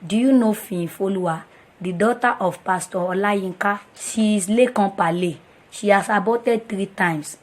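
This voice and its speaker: An actor with a Nigerian accent playing a careless young womanizing boyfriend, husky and mocking in manner. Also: high-pitched, unhurried. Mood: boastful. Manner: mocking, boastful. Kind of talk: film drama acting.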